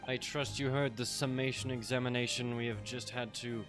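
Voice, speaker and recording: Guy doing a snooty theatrical prosecutor for a game, measured, medium voice, loud music behind. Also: medium pitch, fairly even intonation, natural voice. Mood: disdainful. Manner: pompous, measured, ornate delivery. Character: haughty male prosecutor, cold, theatrical, aristocratic. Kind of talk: hobby video game dub.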